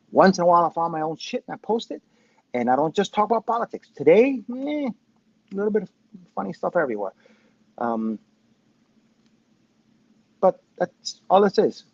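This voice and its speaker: A man's voice: high-pitched, a little mellow, no room sound. Tinny, tin-can-sounding man in his fifties. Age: 50s. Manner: rambling, self-mocking, swears casually. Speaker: live-stream show host. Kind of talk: casual live-stream commentary. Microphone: phone with Bluetooth headphones.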